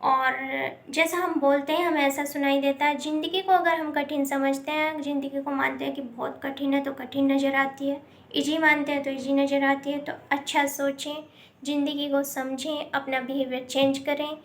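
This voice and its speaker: A woman's voice: high-pitched, little pitch movement, normal speed. A woman narrating a moral story in a plain, repetitive, explaining way, mixing in English words.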